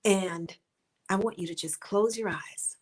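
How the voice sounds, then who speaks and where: A woman's voice: medium pitch, a little slow, rough recording. A middle-aged woman giving an encouraging, faith-based talk to camera as a speaker and author, repeating her points and dropping to a near-whisper at times. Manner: earnest, repetitive and coaching, drops to a soft near-whisper at times.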